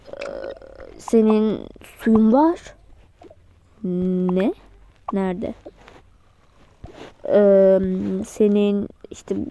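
A woman's voice: mid-range voice, mellow, a little hiss or hum. A woman narrating a toy role-play, voicing several characters in playful dialogue. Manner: switches between character voices in playful dialogue.

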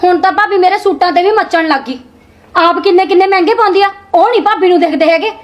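A woman's voice: very high voice, fast talker. A young woman playing a spoiled college-going daughter who snaps back at her sister-in-law and begs her father for money. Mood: snappy. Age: young adult. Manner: snappy, talks back. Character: spoiled, vain, sharp-tongued young daughter. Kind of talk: Punjabi short-film acting.

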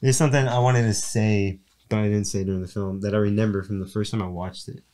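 A young man with a congested, stuffy voice, co-hosting a casual film review podcast. He talks in a rambling, relaxed way and often restarts his sentences. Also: on the low side, fast. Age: young adult. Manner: rambling, self-correcting, relaxed. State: congested from allergies. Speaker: podcast co-host.

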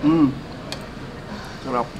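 A man's voice: takes it slowly, lo-fi sound, background noise. A man casually vlogging about food while chewing with his mouth full. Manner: chatty, addresses viewers as guys. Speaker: mukbang vlogger. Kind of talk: casual food vlog talk. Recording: music playing behind voice.

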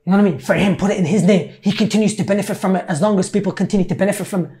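A man's voice: high-pitched, fairly even intonation, rapid-fire, dark tone. A man hosting a casual podcast, speaking emphatically, repeating himself and checking that he is understood. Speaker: podcast host. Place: small living room, seated at a table. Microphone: boom-arm podcast microphone.

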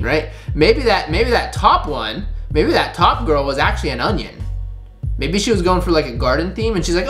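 A woman vlogger doing giggly, rambling reaction commentary. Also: deep voice.

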